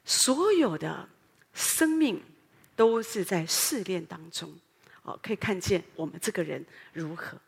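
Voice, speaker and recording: A middle-aged woman pastor with a Taiwanese Mandarin accent, preaching an earnest, animated sermon full of fillers and rhetorical questions. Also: medium pitch, unhurried, creaky, husky. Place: church sanctuary. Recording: long hall reverb.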